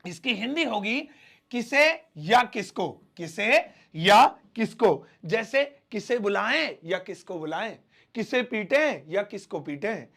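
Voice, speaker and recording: High, gravelly-voiced male English teacher. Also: a bit bright. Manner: explains slowly, repeats and spells out phrases; clears throat often. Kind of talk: Hindi-medium English lesson.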